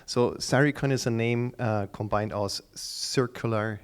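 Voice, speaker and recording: Halting middle-aged man pitching at a conference. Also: fairly even intonation, clear, resonant tone. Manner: halting, repeats and restarts words often. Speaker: startup pitch speaker. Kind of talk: live conference pitch to an audience.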